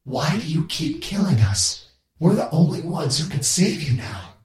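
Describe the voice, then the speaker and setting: A man voices an arrogant, bossy swarm of alien parasites, raising his voice above its natural pitch to a fairly high register that swoops wildly. He speaks unhurriedly with a slightly mellow tone, insistent and full of hissing urgency, all passed through an echoey layered filter.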